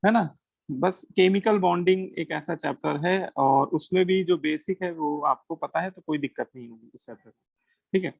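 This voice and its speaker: A man's voice: on the high side, gravelly, dry recording, muffled recording. Indian man teaching a chemistry lesson. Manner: asks questions and answers them himself, mixing Hindi and English. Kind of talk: classroom lecture. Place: classroom with students.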